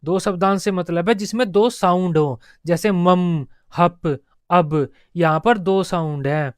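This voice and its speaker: Guy teaching an exam prep class, high clear voice, dry close mic, goes over stuff again and again. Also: normal speed, dry recording. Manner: explains step by step, repeats key points.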